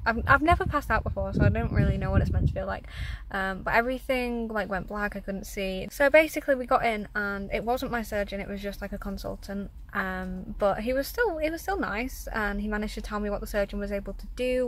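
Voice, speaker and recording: Candid young woman vlogger, casual and halting. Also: medium pitch, slight background noise, rough recording. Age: young adult. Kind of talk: casual personal update to camera.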